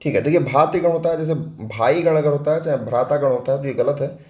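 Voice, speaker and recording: A man with a Hindi accent teaching an exam-prep spelling lesson, his voice sitting a little high yet mellow. He walks through each word step by step, posing questions and answering them himself. The sound carries a roomy echo. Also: fast. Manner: explains step by step, asks and answers own questions.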